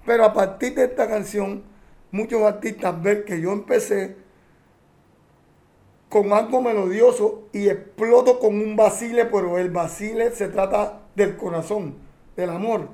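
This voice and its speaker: A man's voice: high-pitched, fairly even intonation, measured pace, warm tone. A man, a champeta singer answering interview questions in an earnest, heartfelt way and often correcting himself.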